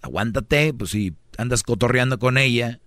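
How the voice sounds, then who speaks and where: A man's voice: medium pitch, moderate pace, fairly bright tone, no room sound, clean studio sound. A man with a Mexican accent hosting a radio show, giving joking, preachy advice with a string of rhetorical questions. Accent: Mexican Spanish. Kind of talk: comic advice monologue.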